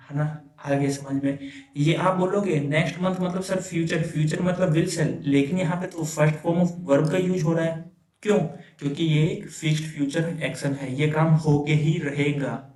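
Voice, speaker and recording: A man teaches grammar, repeating key phrases and checking in with his students. His voice sits fairly high. It sounds distant in an echoey room. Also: darkish tone. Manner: explains by repeating phrases, many rhetorical "है ना" checks. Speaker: English teacher. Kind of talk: classroom grammar lesson.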